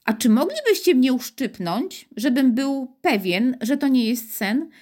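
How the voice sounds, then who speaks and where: A woman's voice: high-pitched, big pitch swings, unhurried, a little mellow, voice pushed up, exaggerated voice. A woman voicing a flustered, bewildered middle-aged male city mayor in a storybook reading, puzzled and slightly fussy.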